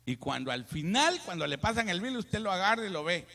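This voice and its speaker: A pastor preaches in a lively, joking way, his voice bright and a little gravelly. It swings widely up and down as he works the crowd. The sound rings with the long reverb of a church hall. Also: high-pitched, fairly quick. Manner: animated, joking, addresses listeners as brother. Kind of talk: lively Spanish sermon with humor.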